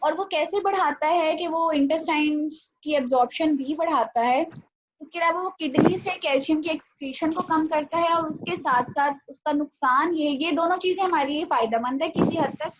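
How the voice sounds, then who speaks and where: A woman teaching a nutrition class online, explaining patiently step by step with small pauses. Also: high-pitched. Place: home video call. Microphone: laptop or phone mic on a video call. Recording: dull, lo-fi video call audio with faint noise.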